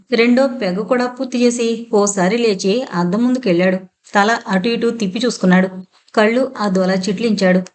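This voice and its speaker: Woman, audiobook narrator, scripted suspense narration, steady delivery, mid-pitched voice.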